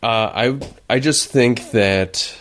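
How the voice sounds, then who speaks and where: A man's voice: mid-range voice, slow pace, a bit bright. A man reminiscing eagerly about an old stage production in casual podcast chat, rambling with many restarts. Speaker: podcast co-host.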